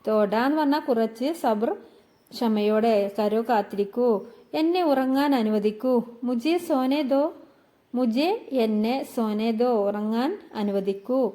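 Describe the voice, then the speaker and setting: A woman gives a patient language lesson, speaking very slowly and repeating each phrase before explaining it. Her voice sits fairly high but has a soft, mellow tone. She sounds calm and unhurried throughout. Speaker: language teacher. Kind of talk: slow spoken-language lesson.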